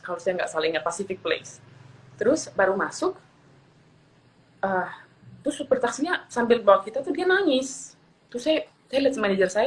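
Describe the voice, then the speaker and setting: A woman's voice: medium pitch, low-quality recording. Earnest young woman from eastern Indonesia. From Papua, eastern Indonesia. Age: young adult. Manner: earnest, repeats phrases while telling stories. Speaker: guest. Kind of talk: casual interview storytelling.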